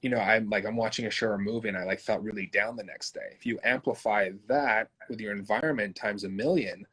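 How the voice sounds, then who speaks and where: A man hosting an interview, talking in an animated way with many fillers. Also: on the low side, fairly quick, husky. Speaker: host. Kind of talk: conversational interview.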